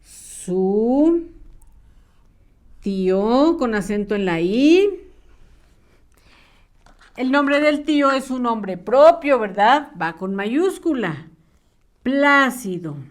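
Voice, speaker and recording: A woman's voice: fairly high pitch, animated. A young woman teaching an online class to small children, asking patient questions and reading aloud. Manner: slow, patient, sing-song questions to children. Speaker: primary school teacher.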